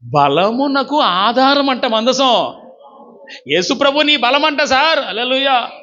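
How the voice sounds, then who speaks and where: Fervent high-voiced preaching man. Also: expressive, slow pace, sharp tone. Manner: fervent, urges congregation to repeat after him. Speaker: pastor. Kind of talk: sermon. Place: church service. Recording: dull lo-fi recording.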